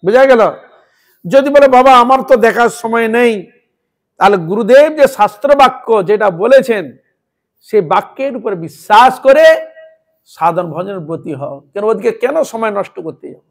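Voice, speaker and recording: A man's voice: sits high, lively intonation, normal speed, a little mellow. A man preaching a devotional sermon in a Bengali accent, telling a story and putting rhetorical questions to his listeners.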